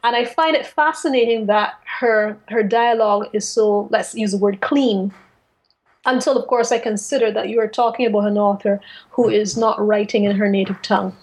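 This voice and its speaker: A woman's voice: medium pitch, steady tone, rough recording. A woman co-hosting a literary discussion, articulate and careful in choosing her words. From Caribbean. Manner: articulate, deliberate, careful with word choice. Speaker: podcast co-host. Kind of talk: literary discussion, casual chat.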